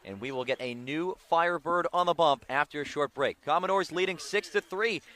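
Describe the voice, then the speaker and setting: Brisk and fairly high-pitched, an American man does live radio play-by-play for baseball. He gets excited calling the big plays.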